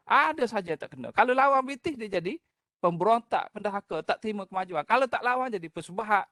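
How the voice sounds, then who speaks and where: A speaker with a Malaysian Malay accent delivers a history lecture in an animated, rhetorical style, regularly checking in with the audience through quick questions. The voice sits at an average pitch and is recorded close, with a dry sound and little room echo. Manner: animated, rhetorical, often prompting listeners with "eh?" and "ha?".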